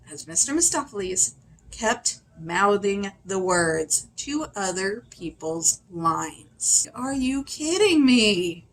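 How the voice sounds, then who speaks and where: A woman reviewing a film in a casual, opinionated way, chatty and animated, with sudden high exclamations. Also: rough recording. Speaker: video reviewer.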